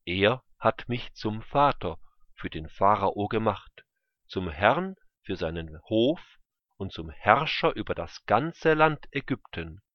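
A man voicing Joseph, a powerful man forgiving his brothers, speaking slowly and earnestly. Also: fairly low pitch, big pitch swings, no echo. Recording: dull lo-fi recording.

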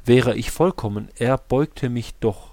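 A man reading scripture aloud in a slow, measured, solemn way. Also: mid-range voice, darkish tone, no echo. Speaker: scripture reader.

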